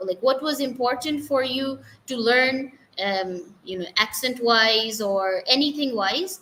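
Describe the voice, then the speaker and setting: A woman from Bangladesh, an English teacher, talks in an unhurried way with a high, bright voice. She stops often to think and fills the gaps with small sounds. A faint hiss sits under the voice. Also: poor audio. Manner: thoughtful, with many fillers and restarts. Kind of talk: casual interview talk, mixing English and Bengali.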